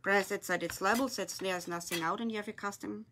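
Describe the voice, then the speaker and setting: A craft shop owner with a German accent, speaking English as a second language, hosts a live tutorial from an indoor craft room at a glittery table, chatting loosely to viewers as her hands work. A phone or camera on the desk films her hands, picking up some background noise. Her voice is medium-pitched, fairly even, and fairly quick.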